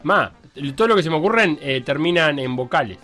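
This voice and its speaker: A man co-hosting a radio sports show, talking in quick, teasing banter. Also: fairly high pitch, animated, pushed and bright, soft background music. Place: radio studio.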